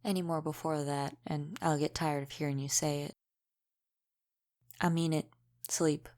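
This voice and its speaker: Low and steady with a darkish tone, a woman's voice portrays a world-weary vampire centuries old, gruffly protective, in intimate audio roleplay acting. She drawls in an unhurried, wry, folksy manner, dropping her g's.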